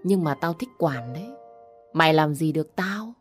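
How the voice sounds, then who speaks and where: A spiteful young woman jeers and goads in this audio story, voiced by a woman reader. The voice sits low and carries a bullying, mocking edge. Faint music plays underneath. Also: lively intonation, normal speed. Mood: taunting. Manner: taunting, insulting, picking a fight.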